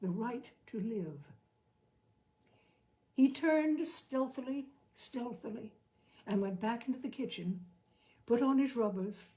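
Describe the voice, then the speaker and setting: A story narrator with a warm, medium-pitched voice reads literary fiction expressively. Her phrasing is dramatic and deliberate, with lingering pauses.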